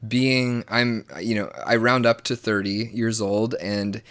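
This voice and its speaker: This late-twenties man, appearing as a guest in a casual chat, speaks slowly in a fairly low, fairly bright voice with little pitch movement. He tends to ramble, restart what he's saying and make sarcastic side comments.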